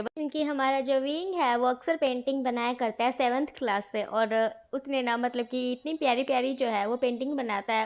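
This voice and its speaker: Woman storyteller, high voice, casual chatty narration, lots of fillers and asides. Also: a little mellow.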